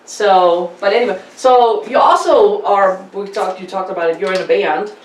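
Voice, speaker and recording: A man from Germany with a German accent, hosting a casual interview and talking in an animated, chatty way with many repeated words. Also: sits high, normal speed, a little hiss or hum. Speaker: podcast host. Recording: roomy distant mic with faint ambience.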